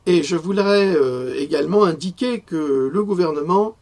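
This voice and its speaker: A man giving a spoken press review, indignant and hesitant, often pausing on fillers before rising to outrage. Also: a little high, expressive, darkish tone. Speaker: independent press commentator.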